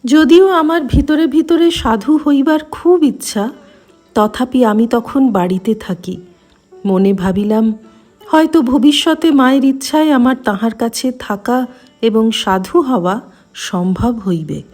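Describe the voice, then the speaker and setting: A woman reading a devotional memoir aloud in a measured, reverent way. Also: a little high, a little mellow, faint music behind. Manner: measured, reverent reading in formal literary prose. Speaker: reader.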